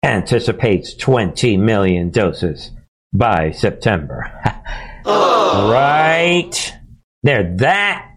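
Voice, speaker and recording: A man hosting an informal political commentary, ranting to his followers in a conspiratorial, alarmist and mocking manner, in halting, broken phrases. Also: fairly low pitch, big pitch swings, a bit bright, husky. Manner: mocking, sarcastic, chuckling asides. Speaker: host of a political commentary show. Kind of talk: informal monologue news commentary.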